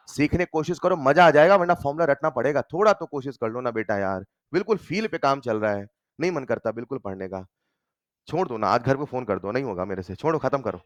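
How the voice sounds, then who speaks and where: A man teaching chemistry in a classroom lecture, animated and constantly quizzing his students with quick questions. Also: a little high, dry recording.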